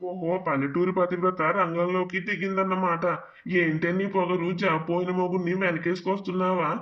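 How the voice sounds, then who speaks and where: A man's voice: high voice, flat delivery, brisk, dull audio, natural voice. A man voicing a rude, scornful middle-aged landlord in a cartoon, taunting and insulting. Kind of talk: animated cartoon voice acting.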